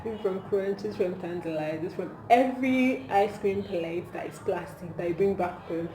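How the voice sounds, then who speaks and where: A woman's voice: fairly low pitch, normal speed. A woman with a Nigerian accent, chatting casually in an amused, emphatic way as she films a comedic vlog on her phone. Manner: amused, animated, emphatic with rhetorical questions. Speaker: video creator. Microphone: phone camera. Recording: echoey room, clear background noise, phone recording.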